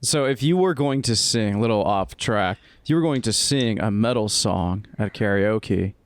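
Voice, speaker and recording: A man's voice: lowish voice, lively intonation, moderate pace, smooth, no echo. A man hosting a podcast, chatting casually, joking and asking follow-up questions. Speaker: podcast host. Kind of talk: casual interview chat.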